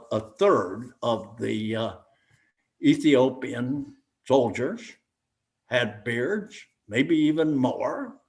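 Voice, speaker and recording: An elderly American man, a war veteran in his eighties or older, reminiscing and explaining in a deliberate, halting way with long pauses. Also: a little high. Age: 80s or older. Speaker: war veteran being interviewed.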